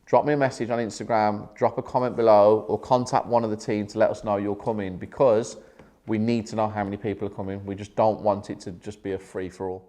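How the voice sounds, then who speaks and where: A man's voice: lowish voice, a little mellow. A young man, a property developer, talking upbeat and direct to viewers in a casual vlog at his office. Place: office headquarters, indoors.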